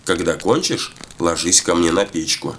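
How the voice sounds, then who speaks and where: A man's voice: low voice, moderate pace, fairly bright tone, slight background noise. A man voicing a shaggy man-eating forest hag. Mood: commanding. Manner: commanding, coaxing. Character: shaggy hungry female forest ogress.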